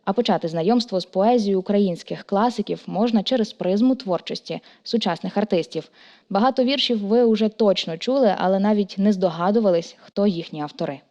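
A woman narrating a program in a scripted voice-over, reading smoothly and evenly. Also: medium pitch, a little fast, warm tone, dull audio.

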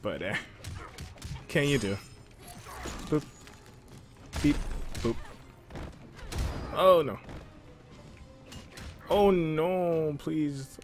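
A young man giving relaxed, joking commentary while playing a fighting game. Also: a little high, extremely slow, pauses often. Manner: laid-back, joking. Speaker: gameplay commentator. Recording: game music faintly behind.

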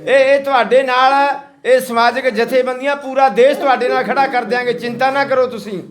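A man's voice: extremely high pitch, fairly even intonation, a little fast. A man from Haryana, a social activist, giving an impassioned, scolding speech to villagers outdoors. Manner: indignant, scolding, repetitive.

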